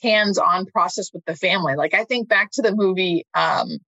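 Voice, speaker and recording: A woman's voice: fairly low pitch, normal speed, bright, forceful tone, dry recording. A woman speaking as an interview guest, a hospice nurse talking casually and thinking aloud as she checks for agreement.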